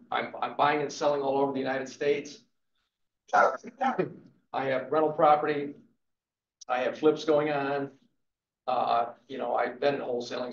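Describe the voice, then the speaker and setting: A man in his fifties with a mid-range voice and some vocal fry delivers an emphatic, motivational real estate lecture to a live class, punctuating his points with "okay." The room is echoey and the sound dull and lo-fi.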